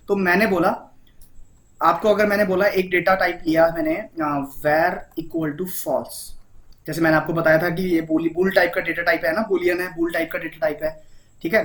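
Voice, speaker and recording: A man's voice: high voice, a bit bright. Indian man casually teaching code. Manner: repeats "ठीक है?" and mixes English terms into Hindi. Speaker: programming teacher. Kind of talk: casual Hindi coding lesson.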